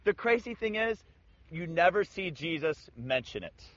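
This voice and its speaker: Male Bible teacher, casual and animated, high voice, muffled lo-fi recording. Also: moderate pace. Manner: animated, acts out scripture in slangy voices. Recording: dull lo-fi sound.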